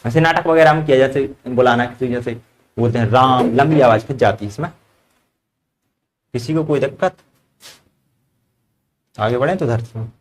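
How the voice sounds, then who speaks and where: A man's voice: mid-range voice, normal speed, pauses often. A man teaching a grammar lesson to a class, asking the students questions and repeating their answers back. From India.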